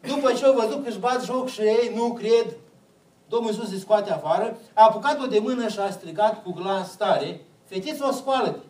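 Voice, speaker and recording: A man's voice: sits high, expressive, darkish tone, echoey room, recorded from a distance, poor audio. A man preaching a sermon, putting questions to the congregation and answering them himself.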